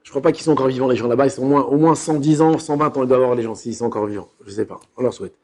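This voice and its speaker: A man's voice: mid-range voice, very fast. A man, a rabbi, giving a colloquial Torah lesson, telling stories and acting out the scenes in them. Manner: animated, colloquial, acts out scenes.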